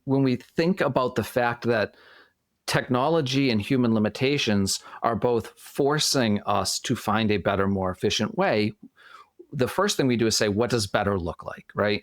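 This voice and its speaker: A man's voice: medium pitch, no room sound, studio quality. A man with a Boston accent explaining his views as an interview guest, often posing questions and answering them himself. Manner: poses and answers own questions. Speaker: podcast guest.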